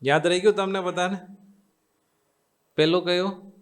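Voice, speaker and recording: A man's voice: sits high, steady tone, normal speed. Man, Gujarati accent, swami, devotional sermon, call-and-response with audience, repetitive coaxing delivery. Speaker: swami giving a religious discourse. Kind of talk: devotional sermon to a live assembly.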